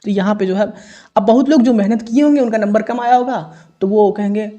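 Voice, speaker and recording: A man's voice: high-pitched, a little fast, dark tone, highs cut off. A male teacher solving an exam paper in a lesson, explaining step by step with many repetitions and self-corrections.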